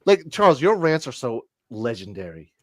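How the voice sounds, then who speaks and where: A man's voice: medium pitch, very animated, moderate pace, dry recording. A man in his forties hosting a podcast, teasing his co-host and swearing freely in casual chat. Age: 40s.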